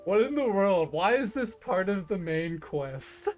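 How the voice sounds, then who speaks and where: A woman's voice: medium pitch, lively intonation, unhurried, a little mellow. A woman giving casual, playful live reaction commentary as a game streamer, joking along. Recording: game music behind the voice.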